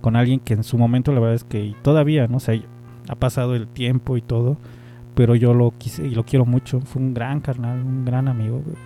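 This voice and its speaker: Gravelly-voiced Mexican man telling stories. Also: medium pitch, steady tone, fairly quick, warm tone, soft background music. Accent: Mexican Spanish. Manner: rambling, slangy, laughs often. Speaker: amateur radio-style host. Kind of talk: casual personal storytelling.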